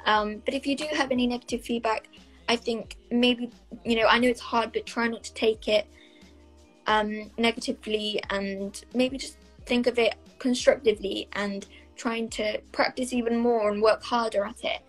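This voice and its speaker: Her voice is slightly high and steady at a normal speed as this young South Wales actress, Welsh-accented, chats through interview questions on a laptop webcam call from a small, bright room. She hedges thoughtfully with lots of fillers; soft music plays behind a rough recording.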